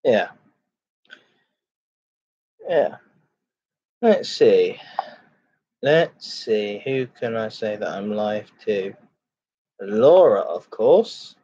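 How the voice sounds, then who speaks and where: Male livestream host, unhurried and halting delivery, informal chat with viewers, muffled low-fidelity mic. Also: big pitch swings, warm tone, breathy edge. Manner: halting, repeats phrases. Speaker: live streamer, host of a chat and ASMR stream. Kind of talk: casual livestream chat, greeting viewers and reading comments. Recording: dull lo-fi microphone sound.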